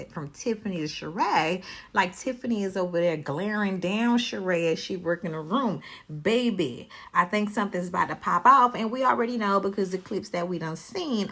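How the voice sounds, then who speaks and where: A woman recapping a reality TV show in a casual vlog, talking to her viewers in a sassy, profane, gossipy and animated way. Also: on the low side. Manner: addresses viewers directly.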